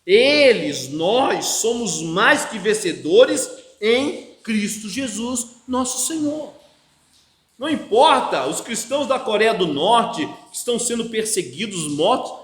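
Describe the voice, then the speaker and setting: A man's voice: very high voice, fairly bright tone, reverberant. A Brazilian man with a Brazilian Portuguese accent preaching an expository sermon, often asking "amém?" of his listeners. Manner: emphatic preaching with frequent call-and-response "amém?". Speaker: pastor. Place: church hall.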